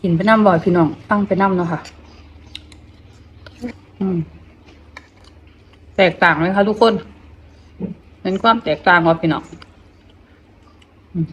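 A middle-aged woman with an Isan accent chats casually while eating, talking with her mouth full, haltingly, repeating phrases and murmuring between them. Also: lowish voice, fairly even intonation, muffled recording, a little hiss or hum. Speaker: vlogger.

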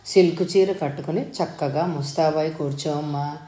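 A woman voicing an anxious, doting old grandmother who pleads softly and fondly, in a storybook reading. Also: low voice, moderate pace, close to an everyday voice. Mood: soft pleading. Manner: soft, pleading and fond. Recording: roomy echo.

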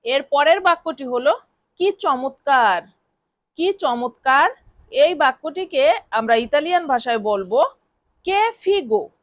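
A woman teaching a language lesson, repeating short phrases slowly and clearly for her students to practice. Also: high-pitched, expressive, no echo.

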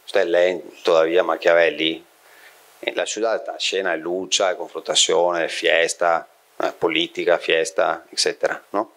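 Holding a handheld mic close, an Italian-born man in middle age lectures a seated group in a compact room full of bookshelves, much like a university class. He speaks very low with little pitch movement and a fairly bright tone. He reasons out loud and often stops to check that the audience keeps up.

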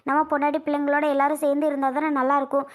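A woman's voice: high voice, completely flat delivery, very fast, natural voice. A woman playing a caring elder sister. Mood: coaxing. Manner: coaxing, reassuring, gently scolding. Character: caring elder sister calming her younger sister. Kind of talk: amateur family drama skit.

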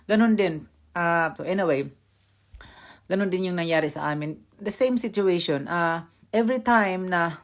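A man from the Philippines tells a story to camera in a relaxed vlog style. He slips into the voices of everyone involved as he acts out the exchange, keeping the retelling animated throughout. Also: high voice, a little slow, pauses often. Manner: animated retelling, acting out both sides of the argument. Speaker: vlogger.

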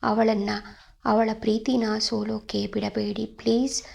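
An eager, playful young man, as a woman storyteller puts him on, with a gravelly creaky edge and a fairly high voice. He sounds keen and pleading, like a kid brother in a storybook. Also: level tone, unhurried, darkish tone.

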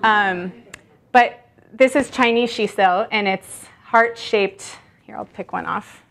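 A woman's voice: mid-range voice, takes it slowly, creaky, a bit bright. Woman, 30s, guest author, chatty and casual, indoor library event. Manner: chatty, gestures while talking, shows produce.

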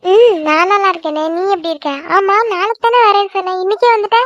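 A woman voicing a sassy high-pitched cartoon village girl. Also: dry recording, muffled recording. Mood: tearful, pleading. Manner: sassy, whiny, quick-tongued. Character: cheeky teenage village daughter, loves her brother. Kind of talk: cartoon voice acting.

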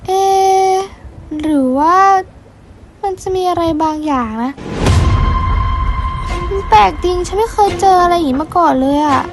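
A woman's voice: very high voice, unhurried, long pauses, over music. A female performer voicing a friendly young mermaid princess who acts as a protective guide, eager and reassuring, in amateur story role-play. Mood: puzzled.

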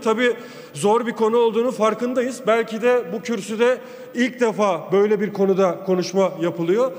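High-voiced man speaking at a pulpit microphone. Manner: forceful, emphatic oratory with repeated lists. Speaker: member of parliament. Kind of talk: parliamentary floor speech. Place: parliament chamber, speaking from the rostrum. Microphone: rostrum microphone at a pulpit. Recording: long hall reverb of a large chamber.

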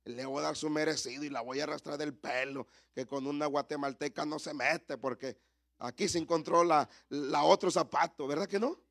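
A man's voice: fairly high pitch, steady tone, normal speed, gravelly, fairly bright tone. A man in his thirties, a pastor preaching a sermon at a church service and calling out to the congregation with repeated rhetorical questions.

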